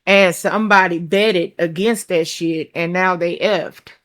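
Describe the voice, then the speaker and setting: A woman's voice: fairly low pitch, steady tone, unhurried, a bit bright. Blunt, chatty country-accented woman. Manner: chatty and blunt, thinks aloud over the cards, calls viewers child and baby; swears casually. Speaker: tarot reader. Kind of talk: casual tarot reading to viewers.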